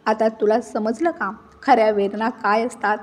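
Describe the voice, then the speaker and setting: A woman voicing a cruel young husband who shouts at his wife with contempt, in a told story. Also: fairly high pitch, steady tone, moderate pace, close to an everyday voice. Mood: furious.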